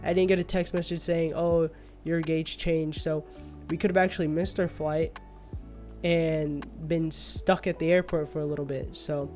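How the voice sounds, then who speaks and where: Young male streamer, sleepy and rambling, higher-pitched, soft music in background. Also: little pitch movement, normal speed. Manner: rambling, drowsy, trailing off. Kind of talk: casual livestream chat. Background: faint music.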